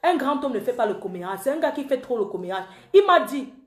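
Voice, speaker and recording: A woman's voice: sits high, big pitch swings, quick pace, roomy sound. A woman who calls herself the panther, angrily accusing a man she speaks to directly, in an emotional live-stream rant. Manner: accusatory, repetitive, addresses the absent man directly. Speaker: online commentator.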